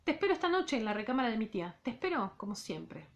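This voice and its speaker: A woman's voice: fairly high pitch, big pitch swings, fast talker, lo-fi sound. A woman reading the part of a mysterious young woman aloud from a novel. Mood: pleading. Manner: read aloud softly from a novel.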